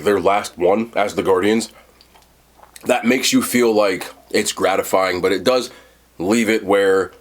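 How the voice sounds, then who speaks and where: A man giving a casual, unscripted food and movie review, rambling and blunt, with slangy phrasing and casual swearing. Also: fairly low pitch.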